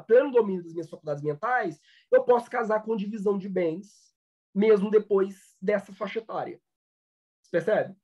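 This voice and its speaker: A man's voice: high voice, lo-fi sound. A Brazilian man, a law professor, giving a lecture with many fillers and restarts. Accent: Brazilian Portuguese. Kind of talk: online lecture.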